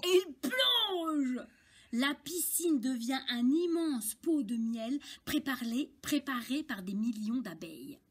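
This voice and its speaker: A woman reading a children's story aloud, slow and expressive, with playful asides. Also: a little high, breathy edge.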